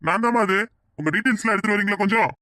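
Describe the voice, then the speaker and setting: A woman's voice: mid-range voice, rapid-fire, pushed and bright, dry recording, voice pushed down, natural voice. A woman voicing a polite, businesslike middle-aged male loan agent in a cartoon. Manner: polite, formal, patient. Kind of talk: cartoon voice acting.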